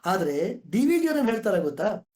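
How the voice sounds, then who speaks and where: A woman, talking through classical poetry like a patient teacher. Her voice sits at an ordinary middle pitch. The sound rings in an echoey room. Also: big pitch swings, dark tone. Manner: slow chanting of verses, conversational explanations. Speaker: poetry explainer. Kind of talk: explaining classical verse.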